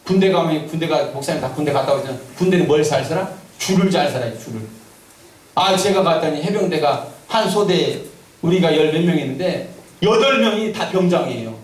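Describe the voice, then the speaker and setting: A man's voice: a little high, expressive, brisk. A male pastor giving an emphatic testimony sermon in a church sanctuary, telling his story and drawing amens from the congregation. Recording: echoey church from a distance.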